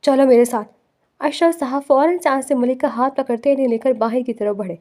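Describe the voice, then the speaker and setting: A woman narrating a romance novel with steady storytelling. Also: sits high.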